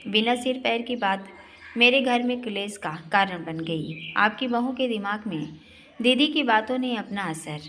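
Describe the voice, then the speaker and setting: A woman's voice: on the high side, lively intonation, unhurried, fairly bright tone. A woman voicing a stern, proud middle-aged mother who scolds sharply.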